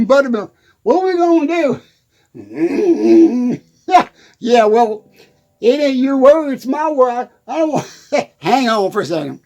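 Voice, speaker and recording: A man's voice: extremely high pitch, sing-song, takes it slowly, darkish tone, heavily acted. A man with a Texan accent playing a giggly good-ol'-boy country character in a rambling comic monologue. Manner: constant giggling, folksy rural grammar.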